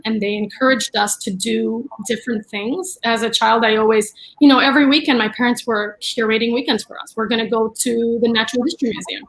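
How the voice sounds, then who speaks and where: On a low-quality recording, a woman with a somewhat high voice chats casually as a guest about her art career. She's a middle-aged art dealer and curator, born in the Dominican Republic and raised in New York, and she tells lively stories with plenty of fillers.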